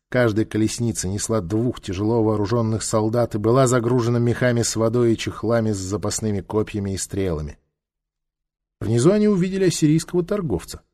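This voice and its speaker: A man narrating an adventure audiobook in a steady storytelling voice. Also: fairly low pitch.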